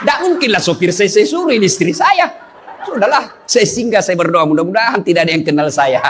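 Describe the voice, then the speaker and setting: A man's voice: high voice, a little fast, very noisy. A middle-aged male Islamic preacher who gives a humorous sermon, joking and calling out to his audience. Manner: joking, animated, calls out to the audience.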